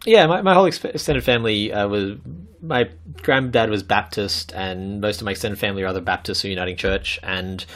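A man's voice: lowish voice, brisk, a bit bright. A man with a Queensland Australian accent chatting casually and candidly as a podcast host, with dry humour. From Toowoomba, Queensland, Australia. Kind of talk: casual chat.

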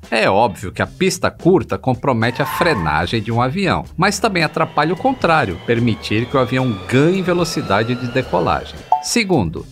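A man's voice: mid-range voice, fairly bright tone. A Brazilian man hosting a podcast, reading a script in a playful way and addressing listeners directly. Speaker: podcast host. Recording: background music. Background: music.

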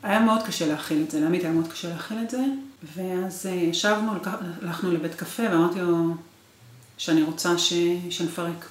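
A woman in her forties in an interview, recounting her marriage with emotional, repetitive intensity. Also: fairly low pitch. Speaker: guest. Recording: roomy echo.

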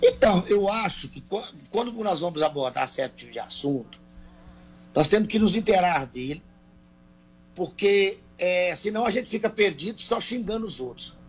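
Speaking folksily and colloquially, a male country singer from Brazil answers interview questions as a guest over a remote call, using a phone or earbuds. He has a high voice with lively intonation, a moderate pace and a breathy edge. Faint music plays behind him.

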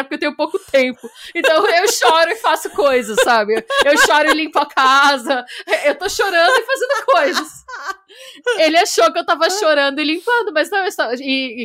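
A woman's voice: high voice, sharp tone. A woman with a Brazilian Portuguese accent co-hosting a podcast, telling a story animatedly, laughing and tripping over her words. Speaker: podcast co-host. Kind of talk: casual storytelling chat.

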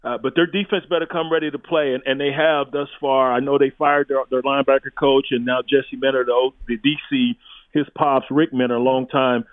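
A man's voice: medium pitch, little pitch movement, brisk, no echo. Man, college football analyst, emphatic blunt talk, phone-line audio, dry. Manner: emphatic, blunt, with restarts and chuckles. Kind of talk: opinionated sports talk radio analysis. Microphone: phone line into studio.

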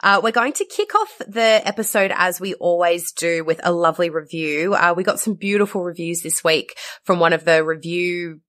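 An Australian woman co-hosting a podcast in casual chat, her voice slightly husky from a mild cold. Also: fairly low pitch, normal speed, hardly any pauses, fairly bright tone. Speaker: podcast co-host. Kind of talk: casual chatty podcast talk.

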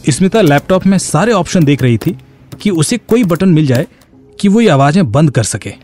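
A man tells a suspenseful story in a dramatic, fairly high and animated voice. Faint music runs underneath his narration. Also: normal speed.

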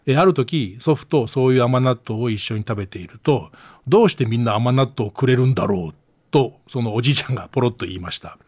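Speaking in a mid-range voice with a breathy edge, a man with an Osaka accent hosts a casual solo podcast, reading listener stories aloud. He chuckles, adds self-deprecating asides and uses plenty of fillers, and the recording has no room sound.

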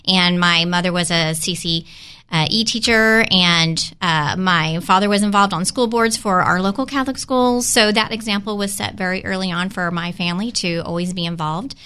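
A woman from Kansas speaking as a guest in an interview. Her voice is bright and smooth, and she answers earnestly, with frequent ums and uhs. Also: fairly low pitch, fairly even intonation, moderate pace. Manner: earnest, with many fillers. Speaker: school administrator guest. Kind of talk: casual interview.

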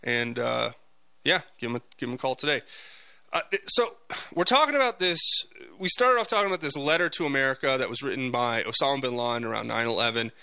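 A man hosting a political talk podcast, speaking off the cuff in a halting but emphatic monologue. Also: mid-range voice, lively intonation, gravelly, bright, forceful tone, clean tone, no room sound.

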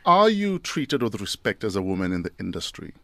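A man's voice: lowish voice, brisk, gravelly, dry recording. A man hosting a breakfast radio show, chatting playfully with a studio guest. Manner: playful, animated interviewer. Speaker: radio host.

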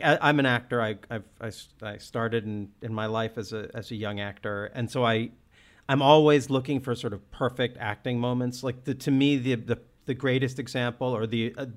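Man, podcast host, casual film chat, enthusiastic, lots of restarts, mid-range voice. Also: medium pitch. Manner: enthusiastic, searching for words with many restarts.

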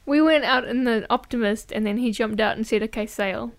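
A young woman guest on a chat show hesitates and giggles her way through personal stories. Her voice sits a bit high for a woman. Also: fairly quick. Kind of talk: casual chat.

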